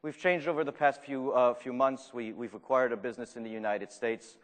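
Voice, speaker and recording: A man's voice: mid-range voice, fairly even intonation, a little fast. A man with a French accent and Spanish as his first language gives a live conference talk, joking and putting questions to the audience. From Argentina. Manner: self-deprecating, jokey, asks the audience questions. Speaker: conference speaker. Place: large conference room. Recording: reverberant hall.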